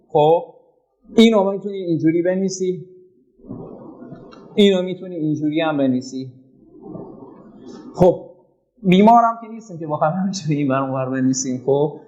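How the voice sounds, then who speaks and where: High-voiced man teaching math. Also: darkish tone, dull audio. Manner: addresses students as "sir", asks and answers his own questions; drags out words when dictating definitions. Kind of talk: classroom math lesson.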